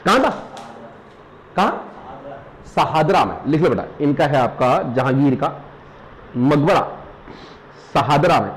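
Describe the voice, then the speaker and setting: Lively Pahari man quizzing his students. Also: on the high side, slow pace, pauses often, slight background noise, low-quality recording. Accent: Pahari-tinged Hindi. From Uttarakhand hills. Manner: repetitive, quizzing students with rhetorical questions; calls students "beta", jokes and laughs while teaching. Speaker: teacher. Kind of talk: live exam revision class.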